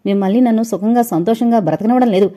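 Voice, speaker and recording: A sharp-tongued young wife hurls scornful, rapid tirades in a loud, mellow voice, as a woman reading an audio novel puts her on. Storybook drama. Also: medium pitch, lightly acted. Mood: furious scornful. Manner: taunting, shouting fast tirades.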